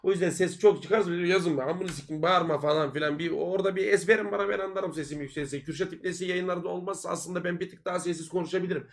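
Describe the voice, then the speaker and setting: High-pitched man, foul-mouthed nonstop streamer chatter. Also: steady tone, quick pace, hardly any pauses. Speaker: live streamer. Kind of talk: casual livestream chat with viewers.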